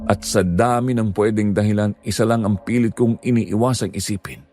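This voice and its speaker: A man telling a scripted horror story in a hushed, suspenseful way. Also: fairly low pitch, steady tone, normal speed.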